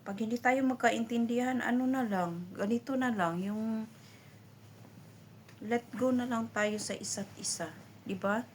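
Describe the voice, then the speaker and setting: A woman's voice: fairly high pitch, a little slow, long pauses, slight background noise. A middle-aged woman from the Philippines chatting casually to her viewers, rambling with many fillers and restarts. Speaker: vlogger.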